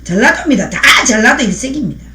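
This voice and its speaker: A woman's voice: on the high side, expressive, fast talker, creaky, pushed and bright, roomy sound. A woman hosting a live stream, speaking in a fiery, preachy way and thanking viewers by name as she reads their comments. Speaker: livestream host.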